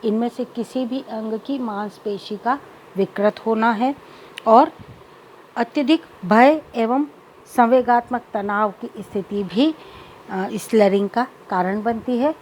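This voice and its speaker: Higher-pitched woman giving a lecture. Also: slow pace, a little mellow, slight background noise, poor audio. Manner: explanatory, mixes in English terms. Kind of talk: recorded lecture.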